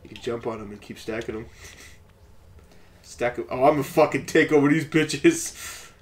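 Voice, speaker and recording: A man co-hosting a gaming let's play, chatting casually, excitable and swearing, breaking into yelps. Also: mid-range voice, moderate pace.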